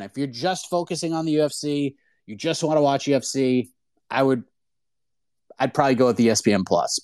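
A man's voice: mid-range voice, darkish tone, no echo, clean studio sound. A man hosting a talk show, speaking casually and conversationally about sport. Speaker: host of an MMA talk show.

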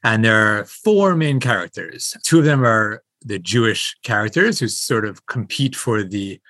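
A man's voice: on the low side, lively intonation, unhurried, a bit bright, dry recording, clean studio sound. A man speaking as a guest professor, giving a conversational scholarly explanation. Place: library, late at night.

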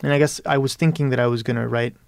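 This man, a Peruvian writer being interviewed, talks rapid-fire in a steady, medium-pitched voice with vocal fry. Thoughtful and searching, he restarts frequently and adds "you know." The studio sound is clean, with no room sound.

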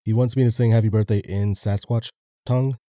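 A man's voice: lowish voice, fairly even intonation, fairly quick, dark tone, dry recording, clean studio sound. A man co-hosting a podcast, chatting casually and going along with the jokes in a laid-back way. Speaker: podcast co-host. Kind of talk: casual chat. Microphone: studio microphone.

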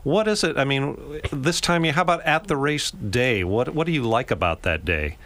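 A man's voice: medium pitch, expressive, normal speed, fairly bright tone. Chatty male radio host. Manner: friendly, chatty, laughs easily. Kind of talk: community radio interview.

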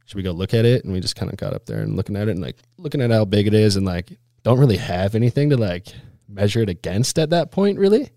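A man's voice: lowish voice, sing-song, fast talker, warm tone, no echo, clean studio sound. A man telling stories in a casual, laid-back way as an interview guest, full of snowboarder slang, with "like" and "dude" all through. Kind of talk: casual chat, storytelling.

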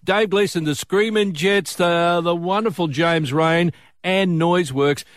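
A man's voice: high voice, a little slow, no echo, clean studio sound. A middle-aged Australian man hosting breakfast radio, with a chummy, colloquial, upbeat presenting style. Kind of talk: upbeat commercial radio presenting with casual banter. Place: radio studio. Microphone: close studio microphone.

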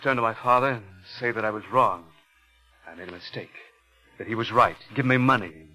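Brief: a halting, pleading young man, 1940s radio drama narration. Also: medium pitch, sharp tone, low-quality recording. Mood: anguished. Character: nervous, stammering young ex-soldier intruder. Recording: old radio broadcast with music.

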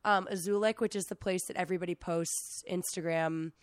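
An American woman of about thirty, hoarse from being sick, casually telling an animated story in filler-heavy speech. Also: lowish voice, brisk, dry recording. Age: around thirty. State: sick, hoarse, losing her voice. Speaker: podcast host. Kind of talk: casual chat, telling a travel anecdote.

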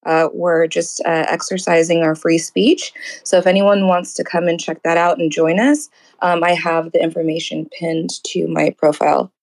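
Woman losing her voice, earnest, chatting on a live audio call, lowish tone. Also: little pitch movement, moderate pace, a little mellow, rough recording. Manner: earnest, slightly hoarse. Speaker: guest speaker, activist. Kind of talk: casual live audio chat.

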